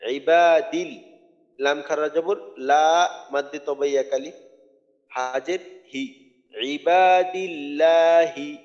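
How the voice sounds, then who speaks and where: Man, tajweed lesson, fairly high voice, long reverb, dull recording, patient letter-by-letter teaching. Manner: patient, spells out letters and drills slow drawn-out recitation. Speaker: Quran recitation teacher.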